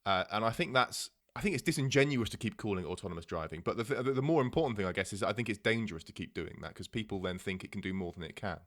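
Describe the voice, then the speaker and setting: Low-voiced man in halting tech chat. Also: lively intonation, a bit bright. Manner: halting, many restarts and fillers. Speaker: podcast co-host. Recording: podcast mic.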